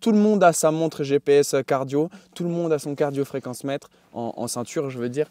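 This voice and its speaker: A man's voice: a little high, moderate pace, warm tone, no room sound. A man co-hosting a podcast, teasing and chiming in during casual chat. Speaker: podcast co-host.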